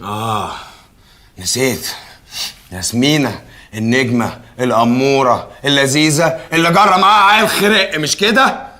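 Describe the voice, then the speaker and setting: A man's voice: mid-range voice, moderate pace, pushed and bright, close to an everyday voice. An actor playing a possessive Egyptian man who mocks his girlfriend out of jealousy. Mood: jealous. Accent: Egyptian Arabic. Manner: jealous, sarcastic and blustering. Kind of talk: TV drama acting.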